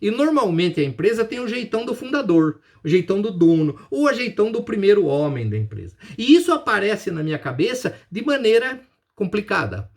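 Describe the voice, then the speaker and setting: A man's voice: high voice, very animated, fairly quick, vocal fry. A man with a Brazilian Portuguese accent giving a business lecture, emphatic, asking and answering his own questions. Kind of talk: recorded lecture.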